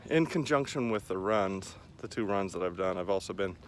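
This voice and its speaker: Low-pitched and animated, this man in his forties talks at normal speed as he walks around a lakeside park, vlogging casually about running. He rambles and jokes at his own expense, and the outdoor ambient noise is captured clearly.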